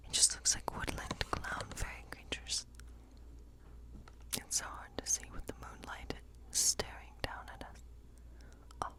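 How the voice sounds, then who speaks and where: In a soft, breathy whisper that never rushes, a woman plays a whimsical tarot-reading witch for an ASMR role play, musing as she goes.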